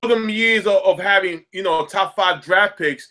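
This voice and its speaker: Another sports talk co-host clip: his pitch runs high and bright, delivered at normal speed with a forceful edge. Speaking with a Southern US accent on a laid-back podcast, he rants animatedly, piling up repeated words as he gets going.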